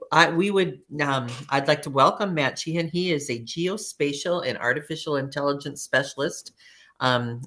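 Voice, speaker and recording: A meeting chair keeps proceedings moving in a brisk, friendly way. The chair breaks in politely to welcome and introduce an online guest. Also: medium pitch, fairly bright tone.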